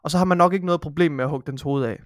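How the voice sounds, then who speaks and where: A man's voice: a little high, no room sound, clean studio sound. A man co-hosting a casual podcast, telling a story in a matter-of-fact way. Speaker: podcast co-host. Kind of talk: casual chat.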